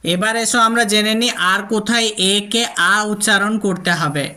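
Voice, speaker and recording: Patient phonics teacher from bangladesh, talks to little kids, says each word twice, sharp clear voice. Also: medium pitch. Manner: patient, repeats each example word slowly. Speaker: English reading teacher. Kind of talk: explaining phonics lesson to young children.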